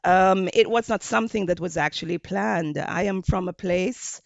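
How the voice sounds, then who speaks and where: With a gravelly voice on the low side, a Jamaican-accented woman from Jamaica answers interview questions in a measured manner, leaning on frequent fillers. She is a hospitality professor, and there's no echo on the recording.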